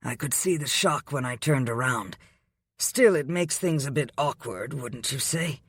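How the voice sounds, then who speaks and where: A man voicing a wealthy male hotel boss who speaks calmly and coolly and turns curt when annoyed. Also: medium pitch, a little slow, husky, dry recording.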